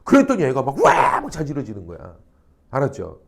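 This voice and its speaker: A middle-aged man teaching high school social studies, lecturing in a lively way, acting out quoted people and checking in often with rhetorical questions. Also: normal speed. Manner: animated, acts out quoted people, frequent rhetorical check-ins, salty slang. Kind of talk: classroom lecture. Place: academy classroom.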